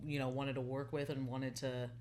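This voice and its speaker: Podcast co-host, woman, very low pitch, bright tone, eager slangy talk, faint hum. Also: little pitch movement, moderate pace. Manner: enthusiastic, slangy. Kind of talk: casual interview chat.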